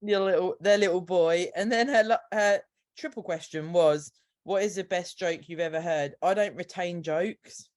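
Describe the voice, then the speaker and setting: Podcast co-host, casual chat, quick laughing reactions, mid pitch.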